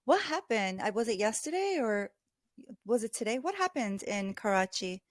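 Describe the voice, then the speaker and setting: A woman's voice: on the high side, sing-song, normal speed, no room sound, studio quality. Chatty young-sounding woman tutor on a video call. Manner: chatty, many fillers like "like" and "um". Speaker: online English tutor. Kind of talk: casual conversation practice.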